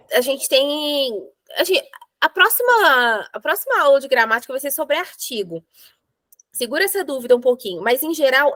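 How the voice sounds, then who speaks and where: A woman teaching a grammar lesson. She explains patiently and step by step, and slows right down to spell out each example sentence. Her voice sits a little high and sounds close and dry, with no room around it. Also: a bit bright, no echo, rough recording. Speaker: English teacher.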